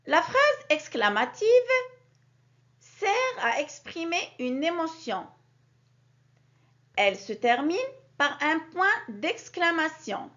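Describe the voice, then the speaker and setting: A woman teaching a grammar lesson to young children, with a clear, sing-song teacherly delivery that stresses key words. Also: high voice, sing-song, slow, long pauses, bright, forceful tone. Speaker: primary school teacher. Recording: dull lo-fi recording.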